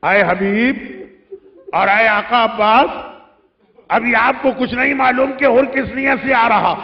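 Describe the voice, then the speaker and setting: A male cleric recites a sermon as dramatic storytelling, building at times to shouted cries. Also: extremely high pitch, far from the mic. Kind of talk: impassioned Muharram sermon recitation. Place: large mosque hall. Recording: echoey hall, dull lo-fi sound.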